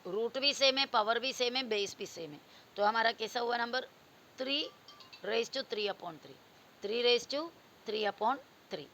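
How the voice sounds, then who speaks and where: Patient higher-voiced woman teaching maths. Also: fairly bright tone, a little hiss or hum, rough recording. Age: adult. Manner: patient, repetitive explaining, mixing English number words into Hindi. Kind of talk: classroom-style maths lesson.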